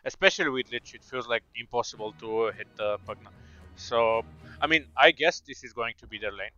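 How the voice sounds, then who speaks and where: A Bulgarian-accented man co-casts an esports match in live game commentary, analytical yet hesitant and full of fillers. His medium-pitched, sharp-toned voice moves a little fast through a slightly dull, lo-fi mic.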